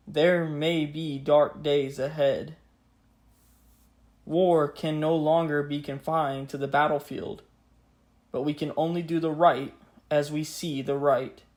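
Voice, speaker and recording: A man giving a scripted history narration in a grave, measured, earnest way, as a podcast host. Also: a little high, darkish tone. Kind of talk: scripted history narration with a solemn read-out speech.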